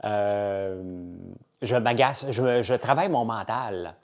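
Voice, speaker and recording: A middle-aged man with a Québécois French accent, casually chatting with viewers on a live stream and enthusiastically pitching his products. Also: slow. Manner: chatty, enthusiastic salesman, lively and animated. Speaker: entrepreneur hosting a live chat.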